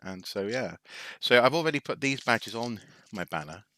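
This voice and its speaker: A man's voice: medium pitch, animated, moderate pace, pushed and bright. A man from North Wales chatting casually on a live stream, hesitant with lots of restarts and wry asides. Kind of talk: casual rambling show-and-tell.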